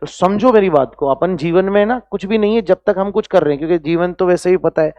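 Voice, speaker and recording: High-voiced chemistry teacher quizzing his class. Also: quick pace, darkish tone, dry recording, highs cut off. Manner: quizzing students with constant rhetorical questions; mixes Hindi with English phrases. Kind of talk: online class lecture.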